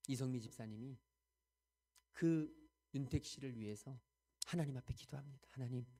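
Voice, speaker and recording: A male pastor delivering a Sunday sermon, telling a story earnestly, rising to loud emphasis and dropping to hushed quoted prayers. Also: medium pitch. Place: church sanctuary.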